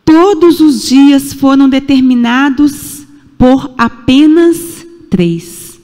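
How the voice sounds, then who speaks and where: In an echoey church hall, a Brazilian woman in her forties preaches a sermon from the sanctuary with a Brazilian Portuguese accent. Her voice is high yet darkish in tone and very slow, and she is emphatic and repetitive, posing rhetorical questions.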